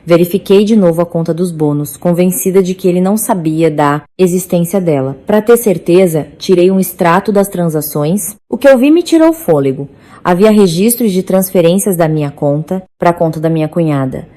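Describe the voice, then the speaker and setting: Mellow woman narrating a story. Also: fairly low pitch, moderate pace, few pauses. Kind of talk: first-person scripted story narration.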